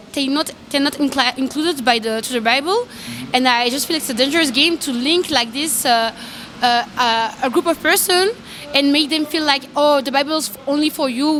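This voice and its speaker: A woman from Congo with a high voice argues her side in a debate. English is not her first language, and she often stops to hunt for the right word. A faint hum of noise sits under her speech. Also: normal speed, fairly bright tone. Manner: hesitant, searching for words. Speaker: debate participant. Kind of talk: street debate.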